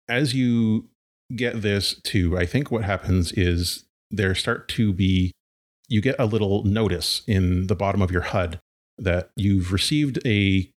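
A man running a tabletop role-playing game as game master, narrating in a halting way with many fillers. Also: fairly low pitch. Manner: halting, with frequent fillers and laughs.

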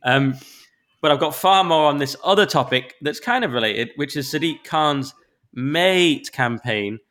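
A man co-hosting a podcast, chatting in a quick, mocking, sarcastic way. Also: a little high, expressive, fairly bright tone. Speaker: podcast co-host. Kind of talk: casual political chat.

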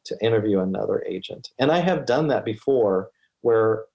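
A man's voice: fairly low pitch, animated, normal speed, gravelly, mellow, highs cut off. A man, a real estate agent, speaking as a guest in a casual interview, earnest and often repeating words as he works through his explanation.

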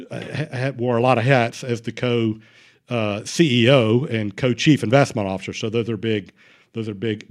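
Man, podcast host, casual, hesitant, lots of fillers, medium pitch. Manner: hesitant, many fillers and restarts. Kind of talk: casual interview hosting.

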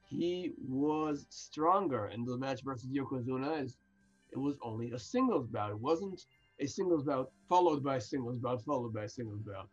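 A man's voice: medium pitch, expressive, moderate pace, highs cut off, faint music behind. A man co-hosting a casual wrestling chat, trading dry, wry quips and mock arguments. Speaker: podcast co-host.

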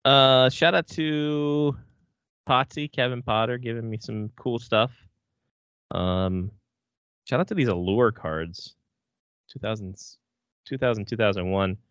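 A man's voice: mid-range voice, slow pace, pauses often, fairly bright tone, clean tone, dry recording. A man hosts a casual sports podcast in a bro-ish, slangy way, swearing freely. His voice sits in a middle register. The audio is dry and a little dull. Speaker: hockey podcast host. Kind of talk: casual profane sports banter.

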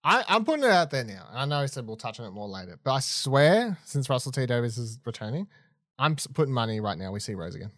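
Podcast host, man, fast and animated, laughs a lot, dry mic. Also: medium pitch, no echo. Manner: quick, animated, laughs often. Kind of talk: casual podcast chat.

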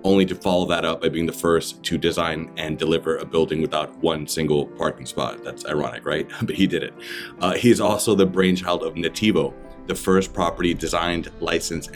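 A man hosting a podcast, reading a polished, upbeat intro and then asking interview questions. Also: low-pitched. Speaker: podcast host.

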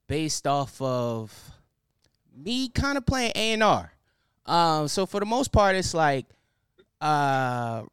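A young man hosting a podcast, excited and loose, chatting casually with plenty of fillers and profanity. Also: a little high, smooth, dry recording, clean studio sound. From Baltimore County, Maryland. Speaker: podcast host.

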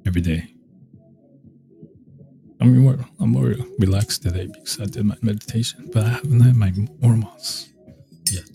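A man's voice: lowish voice, moderate pace, gravelly, long pauses, music in the background. A man hosting a casual solo podcast, rambling and meandering with many fillers and restarts. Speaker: podcast host.

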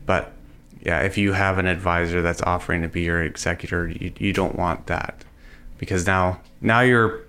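A man's voice: deep voice, steady tone, moderate pace, bright, forceful tone, slight background noise. A Canadian man hosting a podcast, explaining things in an informal, conversational way. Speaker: podcast host.

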